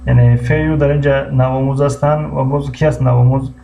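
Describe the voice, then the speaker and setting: Tajik man teaching words slowly. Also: mid-range voice, little pitch movement, gravelly, mellow. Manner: repeats each word slowly, greets viewers by name. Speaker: English teacher. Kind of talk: live-streamed language lesson. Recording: muffled lo-fi stream audio with faint hum.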